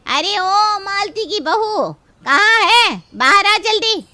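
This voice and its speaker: A woman voicing a loud, quarrelsome neighbor woman in a cartoon, yelling and scolding. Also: high-pitched, very animated, moderate pace, no echo, full character voice. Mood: angry. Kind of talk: cartoon voice acting.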